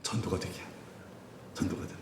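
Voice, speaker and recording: A man's voice: quick pace, echoey room. A male pastor preaching a Sunday sermon, asking the congregation questions and answering them himself. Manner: animated preaching with call-and-response questions to the congregation. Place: church sanctuary.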